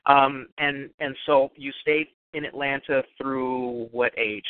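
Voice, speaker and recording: A man's voice: medium pitch, fairly even intonation, takes it slowly, no echo. Radio host guy, chicago-born but trained newscaster accent, rambly and chatty, dry tinny phone sound. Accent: general American newscaster, learned. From Chicago South Side. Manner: chatty, rambling, many restarts. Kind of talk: casual interview. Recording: dry phone-line audio.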